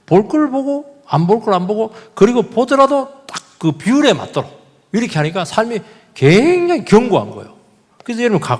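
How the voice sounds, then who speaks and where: A male pastor preaching a sermon in a church, animated, repeating key words and putting questions to the congregation. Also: high-pitched, slightly rough, big-room sound. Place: church sanctuary.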